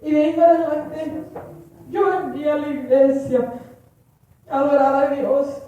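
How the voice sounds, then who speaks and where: A woman's voice: sits high, steady tone, measured pace, warm tone, muffled recording. A woman giving an earnest church testimony, praying aloud and speaking to the congregation as brothers and sisters. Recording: echoey church hall from far off.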